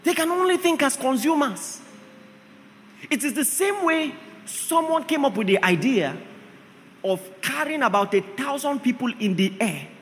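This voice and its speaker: Male preacher, high and animated, emphatic sermon with repeated rhetorical questions, long hall reverb. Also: normal speed, slight background noise.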